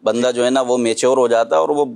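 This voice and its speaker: Gentle-voiced man giving religious advice. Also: medium pitch, fairly even intonation, gravelly. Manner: gentle, advising, tells anecdotes. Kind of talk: religious discussion.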